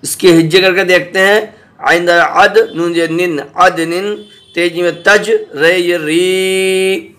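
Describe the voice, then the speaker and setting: Man, recitation teacher, bright and crisp voice, slow drilled repetition. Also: high voice, steady tone. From South Asia. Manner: drills each word slowly, repeating and checking understanding. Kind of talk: slow spelled-out recitation lesson.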